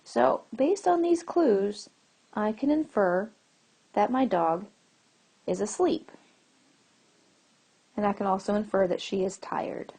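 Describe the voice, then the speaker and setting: A woman's voice: medium pitch, expressive, takes it slowly, vocal fry, long pauses, mellow, husky. A woman teacher giving a recorded lesson to children, explaining patiently and asking the class questions as she goes.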